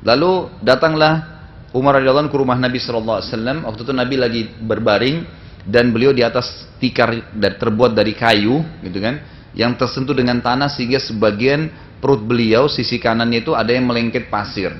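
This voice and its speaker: A man's voice: mid-range voice, fairly quick, slight background noise. Male preacher in a dull lo-fi recording. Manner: conversational storytelling with frequent tag fillers. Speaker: Islamic preacher. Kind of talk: sermon lecture.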